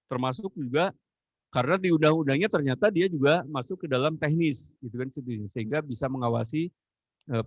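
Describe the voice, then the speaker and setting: A man's voice: mid-range voice, dry recording, muffled recording. Man, agency official, Q&A answers, rambling, lots of fillers, dry close sound. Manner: rambling, many "eh" and "gitu kan ya" tags. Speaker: anti-corruption agency official answering questions. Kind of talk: Q&A answers in a webinar.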